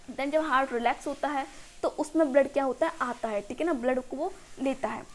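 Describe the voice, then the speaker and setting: High-voiced woman teaching biology. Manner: repeats "ठीक है ना" often, asks and answers her own questions; reads English textbook lines slowly, then explains. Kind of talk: classroom lecture explaining in Hindi.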